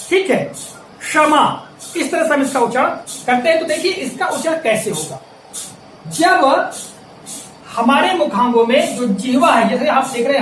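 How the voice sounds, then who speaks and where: High-voiced man teaching in an echoey room. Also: fairly bright tone. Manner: deliberate, emphatic enunciation of sample words. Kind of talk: grammar lesson with demonstrations. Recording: echoey room, voice from a distance, faint ambient hiss.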